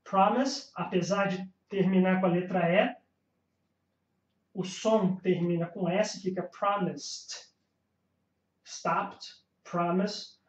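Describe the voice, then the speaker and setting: A man with a Brazilian accent teaches English pronunciation, drilling each word slowly and deliberately. His voice sits at an ordinary pitch in a roomy space. The recording is slightly dull and muffled. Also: steady tone. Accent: Brazilian Portuguese. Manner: slow, careful drilling of English words between Portuguese explanations. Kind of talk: pronunciation lesson.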